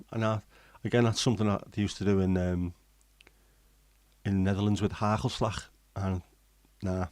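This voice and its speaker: An English man hosts a livestream, chatting casually and reading and answering live comments, rambling with plenty of ums and restarts. His voice is on the low side and a little mellow, with no echo.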